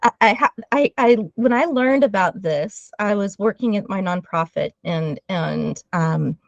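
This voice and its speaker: A woman in her forties, talking as an interview guest in an earnest, animated way, with fillers and restarts. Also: medium pitch, measured pace, creaky, no echo, dull audio. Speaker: guest speaker, trauma-informed ministry leader. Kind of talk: conversational interview talk.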